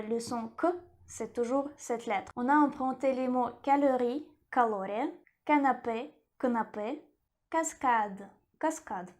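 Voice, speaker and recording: Lady teaching, slightly high voice, says every word twice, slow and careful. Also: a little mellow. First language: Russian. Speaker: language teacher. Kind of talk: teaching a lesson.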